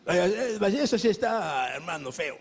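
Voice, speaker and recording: A man's voice: high-pitched, sing-song, normal speed, breathy edge. A man with a Mexican accent preaching a sermon as pastor, emphatic and full of rhetorical questions to the congregation. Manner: emphatic preaching, often calling listeners brother.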